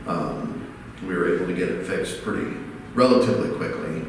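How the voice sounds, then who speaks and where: A man, a veteran, telling a war story haltingly, with many fillers. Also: low voice, gravelly. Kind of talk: interview anecdote. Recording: echoey hall, distant mic, background noise.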